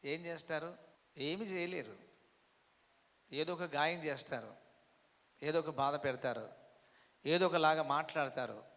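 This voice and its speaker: A man delivers a sermon in a bright, fairly high voice that rings through a hall with a long echo. He climbs to loud, emphatic peaks and then sinks into low, quiet prayer lines. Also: a little slow, long pauses. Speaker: preacher.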